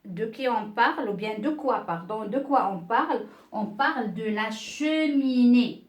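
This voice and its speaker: A woman teaching a beginner French lesson, speaking slowly and patiently, repeating each word and checking that pupils follow. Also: on the high side, roomy sound. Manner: slow, patient, repeats words and checks with "d'accord?".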